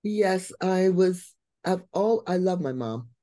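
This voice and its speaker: An older woman from Barbados, a guest on a radio interview, telling her story in a lively, humorous way. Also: fairly low pitch, takes it slowly, dry recording. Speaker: guest, brain and behavior coach.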